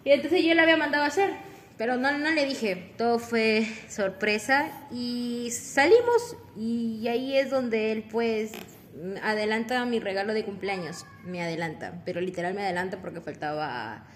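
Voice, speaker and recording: A woman's voice: a little high, expressive, moderate pace, a little hiss or hum. Young woman, podcast co-host, casual gossip storyteller, chatty and giggly. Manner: chatty, laughs often, rambling with restarts.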